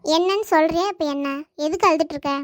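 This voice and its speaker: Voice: extremely high pitch, fast, no echo, clean studio sound. A performer voicing a grumpy, sarcastic grandmother in a family comedy cartoon, scolding and brushing off her grandson. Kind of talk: family comedy skit dialogue.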